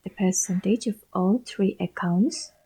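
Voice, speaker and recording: Woman doing live interpreting of a sermon, slow and careful, breathy, low mellow voice. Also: rough recording. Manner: measured, short phrases with pauses between them.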